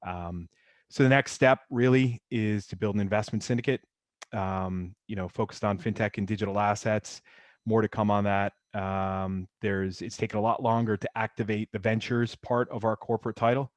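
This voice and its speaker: A man speaks casually on a webinar over a video call. His low voice is relaxed and full of fillers. The sound is dry and close. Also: moderate pace, no echo.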